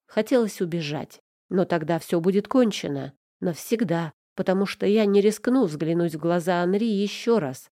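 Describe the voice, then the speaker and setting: A woman's voice: on the low side, normal speed, few pauses, mellow, no echo, studio quality. A woman narrating a first-person audiobook with emotional, tearful delivery.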